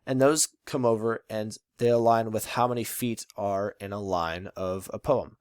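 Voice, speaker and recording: A man's voice: lowish voice, fairly even intonation, moderate pace, a little mellow, clear, resonant tone, no echo, studio quality. Casual young man explaining rhythms. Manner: chatty, stresses syllables to show rhythm. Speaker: student presenting a lesson.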